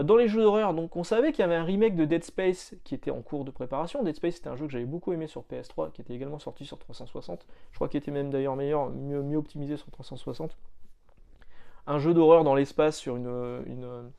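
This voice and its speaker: A man with a gravelly, mellow voice chats casually about comics and games. He rambles with plenty of fillers and restarts, like a shop owner talking to his regulars. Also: a little high. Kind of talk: casual chat.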